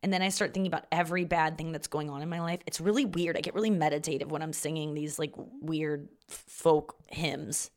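A woman with a low-pitched voice and vocal fry that sits in the back of her throat. She talks casually as a podcast host, rambling along in a self-deprecating way and swearing freely. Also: steady tone, brisk, hardly any pauses, darkish tone. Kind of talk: casual solo podcast monologue.

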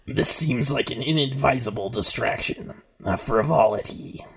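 A performer voicing a robot pirate first mate in a game, formal, disapproving, pedantic and deadpan. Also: medium pitch, normal speed, gravelly, slightly rough, rough recording. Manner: stilted, overly formal, deadpan.

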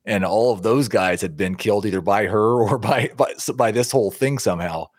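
A man's voice: on the low side, fairly quick, no echo, clean studio sound. A man with an American accent chatting casually as a panelist in a podcast discussion. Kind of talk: casual chat, TV show discussion.

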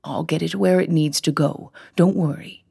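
Woman doing a paranoid old grandpa, suspicious and urgent, slightly husky, storybook reading. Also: low voice, fairly even intonation, normal speed, mellow, heavily acted. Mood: agitated, paranoid.

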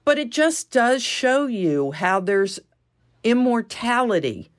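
A woman speaking as an interviewed author, with deliberate, emphatic phrasing. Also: on the high side, big pitch swings. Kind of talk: interview talk and reading aloud.

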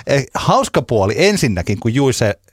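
A man co-hosting a podcast, casually telling a long anecdote in a relaxed storytelling way. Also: mid-range voice, slightly rough, dry recording, clean studio sound. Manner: relaxed storyteller, laughs at his own tale. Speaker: podcast co-host.

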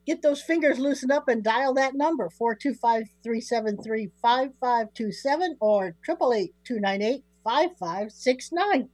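An older woman chats casually as a radio co-host, full of playful asides. Her voice is a little high and recorded very dry, with no room echo. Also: normal speed, hardly any pauses, a little mellow. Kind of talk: casual chat. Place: home studio.

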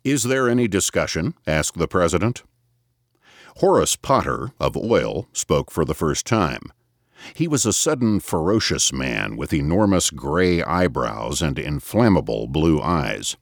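A man narrating a novel as an audiobook in a measured, expressive reading. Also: extremely low pitch, no echo, clean studio sound.

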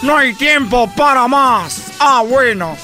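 A man putting on a loud, drawn-out announcer voice for radio-show catchphrases. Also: very high voice, lively intonation, over music, exaggerated voice. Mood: hyped. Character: shouting male radio-show hype announcer.

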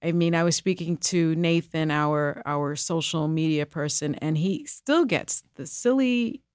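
She is a middle-aged native Spanish speaker serving as both co-host and guest, talking with candor and emphasis, full of animation, laughter and restarts. The voice is deep and smooth at a measured pace, recorded cleanly in a studio without echo.

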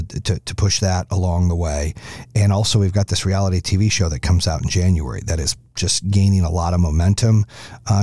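A middle-aged man hosts his own podcast solo, talking casually into a close studio mic with no echo. His voice sits on the low side and sounds mellow, and his delivery is blunt, profane and rambling, packed with fillers.

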